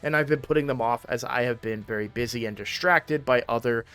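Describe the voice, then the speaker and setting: A man's voice: mid-range voice, brisk, fairly bright tone, smooth, faint music behind. A man hosting a casual gaming video from a room in his home, talking in a chatty way and often correcting himself mid-sentence. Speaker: gaming channel host.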